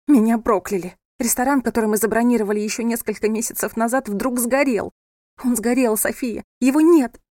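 A woman voicing a panicky, dramatic young bride who wails and complains in a high, loud voice. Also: brisk, no room sound, studio quality, lightly acted. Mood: panicked. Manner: hysterical, wailing.

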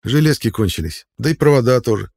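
An earnest young man speaking plainly to a friend, played by a male storybook narrator. The voice is lifted a little above the reader's deep register and recorded dry and close. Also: animated, quick pace, gravelly, darkish tone, dry recording. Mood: matter-of-fact.

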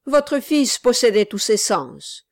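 A curt, stern gentleman lecturing the poor, as a woman reader plays him, firm and loud. The delivery is unhurried and the sound dry and close. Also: on the high side, big pitch swings, no room sound, voice pushed up, full character voice. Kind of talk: audiobook character reading.

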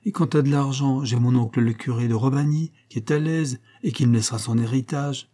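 A man's voice: medium pitch, fairly even intonation, fairly quick, dark tone, pitched above the performer's own voice, close to an everyday voice. A man reading aloud, voicing a carefree, persistent young coachman in a coaxing, easy-going manner. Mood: coaxing, cheeky.

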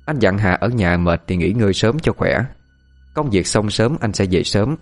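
Male horror-story narrator, very low voice, steady delivery, soft music bed. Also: moderate pace.

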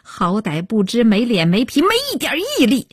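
A woman voicing an angry middle-aged mother who scolds her daughter loudly and shrilly. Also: mid-range voice, big pitch swings, fairly quick, husky, no echo, clean studio sound, exaggerated voice. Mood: angry scolding.

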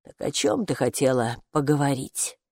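A woman voicing a magical talking bathrobe, a calm male know-it-all who speaks in an unhurried, patronizing way in a storybook. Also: extremely low pitch, gravelly, no room sound, studio quality, voice pushed down, full character voice. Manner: unhurried, patronizing, calls her "friend".

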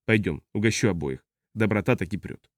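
A man voicing a huge, drunk male navigator who talks low and quietly menacing. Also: brisk, no echo, clean studio sound, close to an everyday voice. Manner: low, slurred, quietly threatening.

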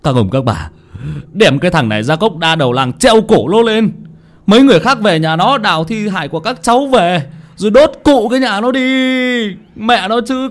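Guy doing an angry grieving dad yelling orders, storybook audio. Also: high voice, pitched above the performer's own voice. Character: grieving, enraged village father.

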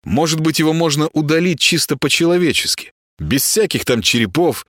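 A man's voice: fairly high pitch, animated, brisk, fairly bright tone, dry recording, studio quality, pitched above the performer's own voice. A male narrator voicing a pushy, mildly mocking village policeman in his own voice. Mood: coaxing.

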